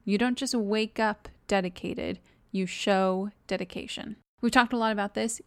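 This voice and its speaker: A young adult woman hosting a self-improvement talk, speaking to listeners in an earnest, encouraging and direct way. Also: medium pitch. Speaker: self-improvement podcast host.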